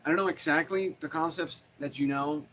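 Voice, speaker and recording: A man's voice: fairly high pitch, steady tone, a little fast, a bit bright, a little hiss or hum. A man giving a casual live-stream guitar lesson, rambling and correcting himself as he explains theory and answers viewer questions. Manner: rambling, self-correcting, chatty. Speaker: guitar teacher. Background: guitar playing.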